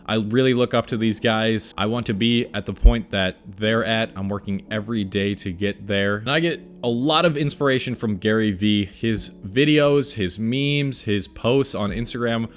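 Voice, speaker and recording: A young man with a fairly low voice talks casually to his online audience over background music. He is enthusiastic and laid-back, with plenty of slang, as he takes viewer questions. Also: normal speed, hardly any pauses. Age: young adult. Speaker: video creator answering viewer questions.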